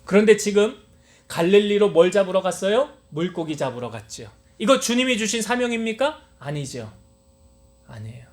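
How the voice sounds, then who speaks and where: A man's voice: high voice, expressive, moderate pace. A man preaching a sermon as pastor to his church congregation, often asking them questions and then answering them himself. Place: church sanctuary.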